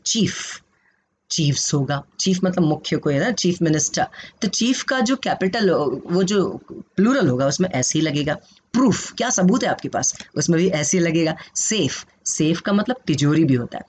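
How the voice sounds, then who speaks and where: An Indian man with an Indian accent who teaches English in an online class, mixing Hindi and English and quizzing his students. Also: on the high side. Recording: dull lo-fi sound with faint noise.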